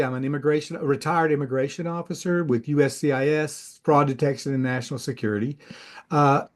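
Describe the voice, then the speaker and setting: Older man, interviewer, video call, chatty, restarts a lot, higher pitch. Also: a little mellow. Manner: chatty, many restarts and asides. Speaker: retired immigration officer, interviewer. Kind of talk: casual interview.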